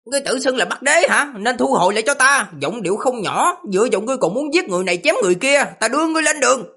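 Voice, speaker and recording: A man's voice: very high-pitched, expressive, very fast, creaky, bright, forceful tone, husky, voice pushed up, exaggerated voice. A man voicing a hot-tempered young male monkey warrior prince in an audiobook, taunting his rival. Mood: arrogant taunting.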